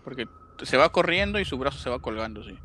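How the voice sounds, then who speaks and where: A man with a bright, forward voice walks through a horror film's plot in casual chat. He tells it with animated energy and drops in sound effects and little fillers along the way. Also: medium pitch, fast, a little hiss or hum. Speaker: podcast co-host recapping a film.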